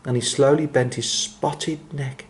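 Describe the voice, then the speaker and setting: A man reads a children's story in a gentle, expressive voice of medium pitch. He slows his phrasing to build drama. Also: slight background noise.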